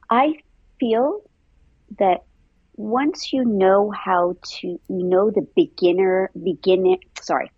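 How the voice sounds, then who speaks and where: A woman with a husky, slightly breathy voice talks through her ideas on teaching in a relaxed interview. She circles back on her words and hedges with "I feel". The sound is dry and a little dull. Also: medium pitch, no room sound. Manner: thoughtful, repeats words, frequent "I feel" and "um". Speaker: dance instructor trainer, interview guest. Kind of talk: conversational interview answers.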